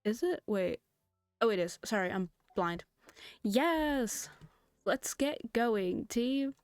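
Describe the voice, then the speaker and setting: A hoarse woman hosting a gaming video, giving chatty, giggly commentary with sudden high excited jumps. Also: slow, no room sound, studio quality, soft background music. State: hoarse, has lost her voice. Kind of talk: casual gameplay commentary.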